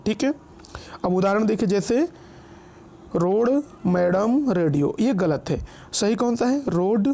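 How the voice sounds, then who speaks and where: Mellow-voiced man teaching patiently. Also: high voice. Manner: patient, repetitive, checks in often with the class; draws out example words slowly. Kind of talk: explaining spelling rules in a lesson.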